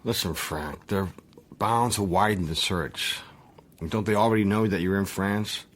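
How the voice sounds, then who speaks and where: An actor playing Tom, a watchful, worldly man in a radio drama, speaking in a measured, guarded way. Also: lowish voice. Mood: urgent, decisive. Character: Tom, watchful worldly man sheltering a runaway, narrating his thoughts. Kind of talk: radio drama narration and dialogue. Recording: music under the voice.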